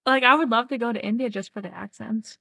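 A woman's voice: on the high side, fast talker, vocal fry, sharp tone, dry recording. A woman guest chatting playfully on a casual podcast. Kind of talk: casual chat.

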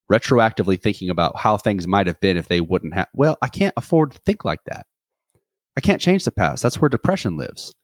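Here a podcast host in his twenties muses alone on the mic, earnest and meandering, often restarting and leaning on fillers. The mid-range voice comes through a dry, studio-quality recording.

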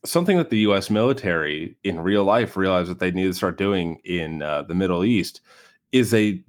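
Low-voiced rambling man, West Coast American accent. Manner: rambling, many fillers and restarts. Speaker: podcast co-host. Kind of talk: casual film discussion.

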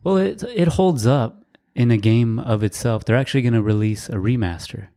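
A man's voice: medium pitch, normal speed, mellow. A man co-hosting a casual podcast, talking in a laid-back, dry, rambling way with fillers. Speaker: podcast co-host. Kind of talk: casual chat.

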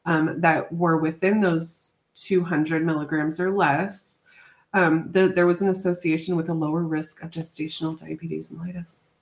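A woman's voice: deep voice, steady tone, moderate pace. A woman co-hosting a podcast, explaining a research study in a casual chat with many fillers and restarts. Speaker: podcast co-host.

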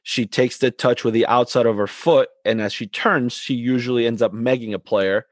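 Excitable man telling a coaching story. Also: medium pitch, normal speed, no echo. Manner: animated, many restarts and repeated words. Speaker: youth soccer coach, podcast co-host. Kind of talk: casual storytelling chat.

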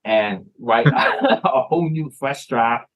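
A man's voice: mid-range voice, lively intonation, slow pace, low-quality recording. A man from Canada, a filmmaker guest chatting casually in an interview, rambling and often restarting his words.

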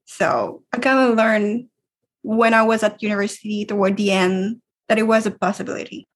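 Husky woman. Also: medium pitch, fairly even intonation, moderate pace. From Quebec. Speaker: guest illustrator. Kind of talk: casual interview.

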